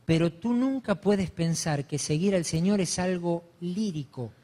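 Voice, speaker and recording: A man preaching a sermon, building to loud, fervent emphasis. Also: high-pitched, expressive, measured pace. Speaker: pastor. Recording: long hall reverb.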